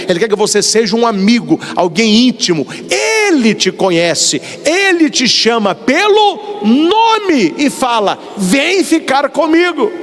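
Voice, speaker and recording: High, lively Brazilian priest preaching. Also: male voice, a little hiss or hum. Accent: Brazilian Portuguese. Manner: animated storyteller, acts out dialogues. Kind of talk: sermon. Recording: long hall reverb.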